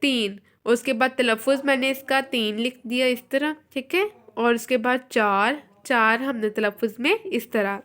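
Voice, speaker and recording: Patient woman teacher with a higher voice. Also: a bit bright. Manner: patient, repeats "ठीक है" to check understanding. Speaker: school teacher. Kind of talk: recorded online class lesson.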